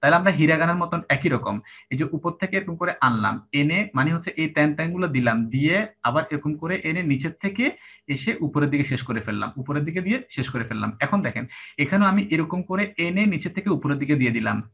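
A man's voice: on the high side, expressive, fairly quick, gravelly, slightly rough. A man teaching Japanese writing step by step, spelling out each syllable and counting the strokes aloud. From Bangladesh. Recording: dull lo-fi recording with faint hum.

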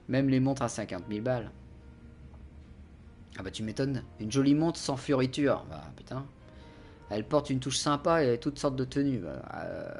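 A man's voice: mid-range voice, darkish tone. Joking, sarcastic male gaming streamer. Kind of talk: let's-play commentary. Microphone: studio condenser mic.

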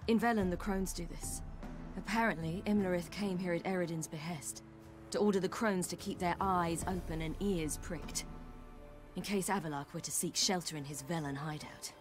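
A woman with a lowish voice and British accent performs a determined young warrior in a fantasy game, using earnest, formal phrasing. Her delivery is lightly acted, fairly even in intonation and moderately paced, with a measured, explanatory mood. This cinematic game acting is set against game music.

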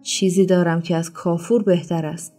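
A harsh, threatening male overseer barks out his orders, as a woman reads him in her own mellow voice. He speaks with rough menace over faint instrumental music. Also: fairly low pitch, little pitch movement, lightly acted.

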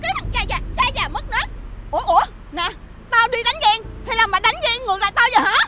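A woman playing a middle-aged wife who scolds her cheating husband in shrill insults. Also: animated, fast talker, heavy background noise. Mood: angry. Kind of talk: low-budget moral skit acting. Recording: loud music bed behind.

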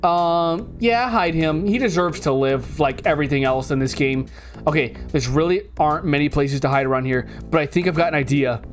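A woman's voice: deep voice, fairly quick, faint music behind. A woman streamer narrating a game playthrough in a dry, sarcastic way.

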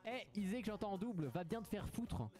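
A man's voice: sits high, lively intonation, brisk, a little mellow, soft background music. A man's own voice heard again as a faint delayed echo replayed from his livestream, in playful joking chatter. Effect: faint delayed echo of his own voice replayed from the stream. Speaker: livestream host.

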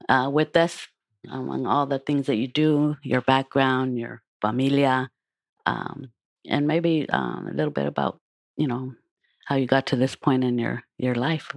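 Gravelly man hosting a podcast. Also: medium pitch, no echo, studio quality. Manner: gentle, halting, many fillers. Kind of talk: podcast interview.

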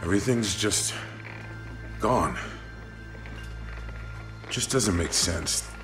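An actor playing an earnest, worried American boat captain in a dramatic video game about surviving an apocalypse, with an insistent way of talking. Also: male voice, on the low side, expressive, extremely slow, over music, exaggerated voice.

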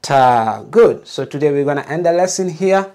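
A man's voice: fairly high pitch, a little fast, dark tone. A man teaching a beginner alphabet lesson, patiently modeling letter sounds and encouraging learners to repeat.

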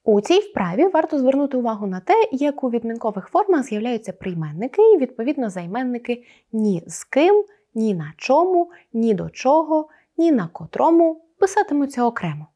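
A woman teaching an online grammar lesson, explaining clearly and stressing each example word. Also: on the high side, sing-song, fairly quick, mellow.

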